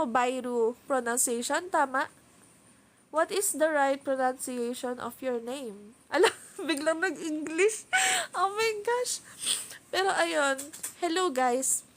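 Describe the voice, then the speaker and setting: A woman's voice: high-pitched, fairly bright tone. A woman with a Filipino accent hosting a casual live stream from home, giggling and chatting as she reads viewer comments into her phone. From Philippines. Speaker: livestream host.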